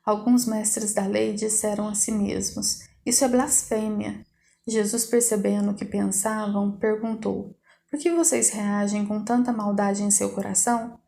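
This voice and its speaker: A woman giving a steady, even reading of Bible passages aloud. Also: mid-range voice, measured pace, gravelly, slight background noise. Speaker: Bible reader.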